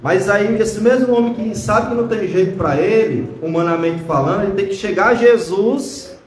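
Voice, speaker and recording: High-voiced preaching man, echoey room. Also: normal speed. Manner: preaching, often addressing the congregation as brothers. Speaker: pastor. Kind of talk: sermon.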